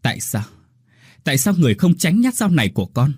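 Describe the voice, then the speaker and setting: A man's voice: big pitch swings, fast, a little mellow, husky, no room sound, studio quality. A man voicing a grieving, desperate young woman who cries and shrieks her lines in a ghost story. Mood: anguished. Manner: shrill crying outbursts.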